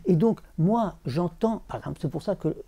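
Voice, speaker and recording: A man talking as a literary translator before an audience, halting, repeating words and chanting verse rhythms. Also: high-pitched, expressive, gravelly, crowd noise. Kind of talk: bookshop talk with audience.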